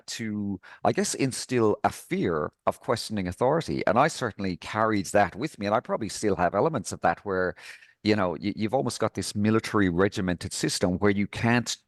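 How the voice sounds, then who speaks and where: Deep-voiced, thoughtful male podcast host. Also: no room sound, clean studio sound. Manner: thoughtful, hesitant with many restarts. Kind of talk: casual conversation.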